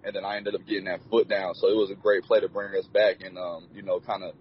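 This is a college football player in his twenties, laid-back as he responds to an interviewer and leaning heavily on "you know." He's a quick talker with a low, level voice. There's a bit of hiss or hum on the dull, lo-fi audio.

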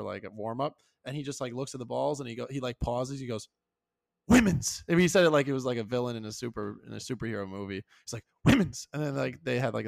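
Gravelly young man, animated storyteller. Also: medium pitch, no echo, studio quality. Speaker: podcast co-host. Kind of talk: casual chat.

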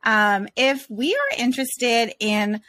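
A woman's voice: a little high, expressive, slow, bright, forceful tone, dry recording, clean studio sound. A woman hosting an interview, asking questions in an encouraging way with frequent fillers. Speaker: interviewer host.

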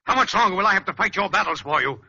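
Stern older father, husky, raised voice, lo-fi. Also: sits high, lively intonation, racing, bright, forceful tone, full character voice. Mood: scolding. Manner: scolding and stern. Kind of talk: 1930s radio acting. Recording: dull lo-fi old radio recording.

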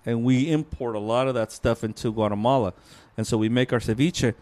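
Rambling, cursing podcast host. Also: male voice, medium pitch, steady tone, brisk, darkish tone. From United States. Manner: rambling, swears freely, laughs often. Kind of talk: casual podcast chat.

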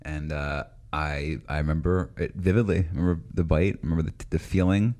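A man telling childhood stories in a casual chat, lively and laughing often, acting out quoted voices. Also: very deep voice, brisk.

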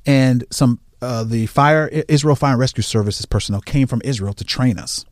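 Speaking at a moderate pace in a medium-pitched voice, this firefighter guest tells stories in casual conversation, animatedly performing other people's lines. It's studio-quality audio with no room sound.

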